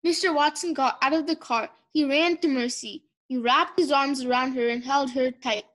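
Brief: woman narrator for a kids' storybook, expressive, bright and high. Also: moderate pace. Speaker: audiobook reader. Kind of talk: children's storybook read-aloud.

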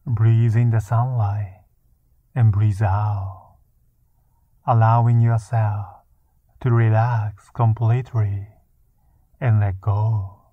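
Soft soothing guy doing guided meditation, real slow, lowish hushed voice, kinda phone-like muffled audio. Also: little pitch movement, no echo. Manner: soft, soothing, hushed delivery with long pauses. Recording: muffled, narrow-band phone-like sound. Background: music.

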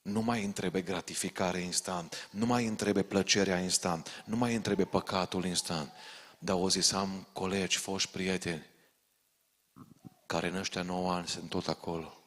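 A man with a very deep, low voice preaches to his congregation. He speaks with urgent, pointed warnings, and his words ring out in the long reverb of a large church hall. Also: fairly even intonation, a bit bright. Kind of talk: sermon.

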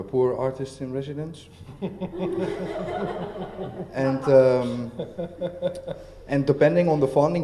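Halting man in a roomy hall. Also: mid-range voice, dark tone. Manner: hesitant, many fillers and restarts. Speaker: visiting artist. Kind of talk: casual panel talk. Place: festival talk venue. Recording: roomy hall with faint noise.

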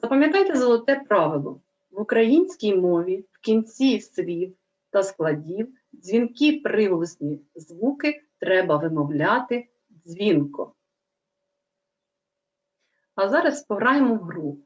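A woman teacher speaks to young children at a slow, deliberate pace, sounding out each letter with care. Her voice sits in an ordinary middle pitch. The recording is slightly dull and lo-fi. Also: very animated. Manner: slow, careful, clearly pronounced teaching. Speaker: primary school teacher.

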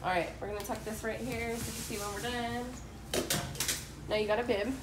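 A woman body piercer calmly talking a client through a tongue piercing with direct, reassuring instructions. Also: on the high side, a little fast, poor audio. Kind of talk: giving calm instructions.

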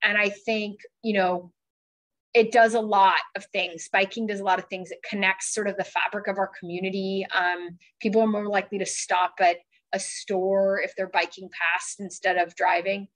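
Woman in her forties speaking over a webcam call, earnest and urging, talking with easy fillers and steady middle pitch, an elected official addressing a youth town hall. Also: normal speed. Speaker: county supervisor on a transit board. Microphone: video call webcam.

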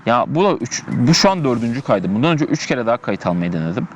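A man's voice: mid-range voice, very animated, quick pace, slight background noise. A man giving casual gameplay commentary, chatting and thinking aloud as he plays, often repeating himself, recorded outdoors in a park.

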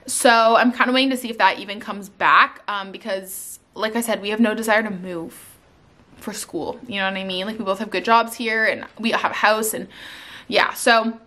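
This is a young woman from Canada giving a relaxed life-update vlog from her living room couch, camera in front of her as she sits. Her medium-pitched voice has a sharp tone and fairly even intonation at normal speed, peppered with "like"s and "um"s.

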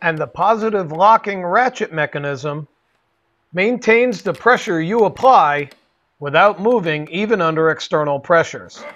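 A man reading a scripted product advertisement in a smooth, even sales voice. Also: sits high, measured pace, dull audio. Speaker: product ad voice-over. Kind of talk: scripted ad narration.

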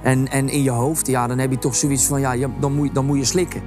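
Hesitant football coach. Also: male voice, mid-range voice, little pitch movement, a little fast, over music. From The Hague, Netherlands. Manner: hesitant with many fillers when talking, shouting loudly on the sideline. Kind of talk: documentary interview and sideline coaching.

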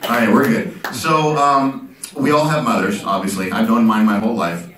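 A man's voice: lowish voice, fairly even intonation, normal speed, very noisy. A man in his fifties telling rambling, self-deprecating comic stories to a live audience at an art talk, acting out the people he quotes. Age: 50s. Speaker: artist hosting an art auction talk. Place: ship's hall with audience. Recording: echoey room, voice from a distant mic.

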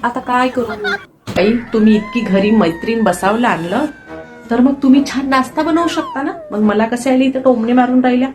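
A sulky, scheming young daughter-in-law voiced by a woman mutters sarcastic complaints in a family comedy skit. The voice is a bit high, with music running clearly in the background. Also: normal speed, close to an everyday voice. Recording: music playing under the voice.

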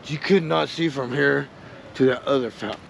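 A man's voice: mid-range voice, moderate pace, creaky, lo-fi sound. A middle-aged man guiding a walking tour, talking in a laid-back, slangy way outdoors. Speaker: local tour guide. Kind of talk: casual chat. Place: outdoors in a town park. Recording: outdoor street noise.

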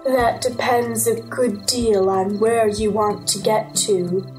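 A woman playing an unhurried, cryptic, grinning mad cat in a storybook play, matter-of-fact and teasing. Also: mid-range voice, steady tone, darkish tone, soft background music, close to an everyday voice, rough recording. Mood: cryptic, unruffled.

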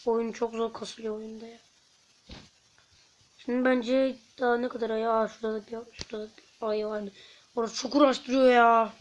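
A woman commenting while playing a video game, chatting to her viewers and bursting into frustrated shouts. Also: a little high, little pitch movement, moderate pace, background noise. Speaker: gaming YouTuber. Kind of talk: let's-play commentary.

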